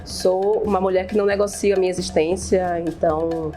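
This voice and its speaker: A woman with a Bahian Brazilian accent, a university professor speaking in an assured, measured documentary testimony. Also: on the low side, fairly even intonation, mellow, soft background music. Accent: Bahian Brazilian Portuguese.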